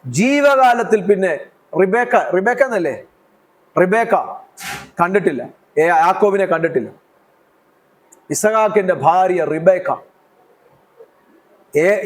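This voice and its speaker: A Malayali man preaching a sermon in a fairly high voice. He hammers points home by repeating his phrases and keeps asking the congregation questions. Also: low-quality recording. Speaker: pastor.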